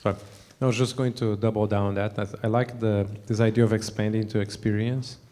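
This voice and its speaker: A man's voice: lowish voice, flat delivery, fast, warm tone, big-room sound. A man in a meeting discussion, speaking reflectively with many fillers.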